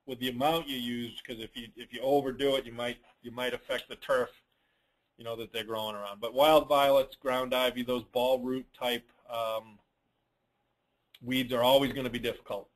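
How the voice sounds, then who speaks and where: In a low-quality recording, a man with a mid-range voice speaks at a moderate pace with flat delivery. He's a lawn care business coach hosting a dealer call, coaching informally and answering questions in a plain-spoken, advisory way while hammering home emphatic points.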